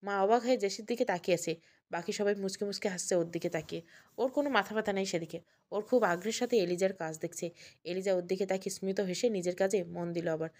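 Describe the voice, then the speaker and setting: A woman storyteller narrating an emotional family story in a steady voice. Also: mid-range voice, quick pace.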